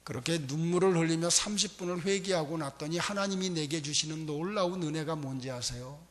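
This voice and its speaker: A man preaching a sermon as a pastor, emphatic, swinging between loud urgency and hushed, intimate asides. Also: a little high, fairly quick. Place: church sanctuary. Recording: long reverb of a church hall.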